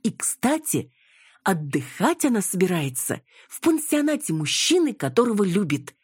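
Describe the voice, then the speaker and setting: A woman's voice: mid-range voice, sing-song, normal speed, darkish tone, husky, dry recording, studio quality, voice pushed up. A woman voicing an exasperated, impulsive young woman who exclaims in a raised voice.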